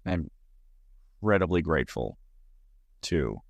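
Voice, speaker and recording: Speaking a little slowly and expressively in a low-pitched voice, an Arizona man hosts his own comedy podcast as a solo monologue. He comes across as earnest and reflective, piling his thoughts into long lists, and there is no echo.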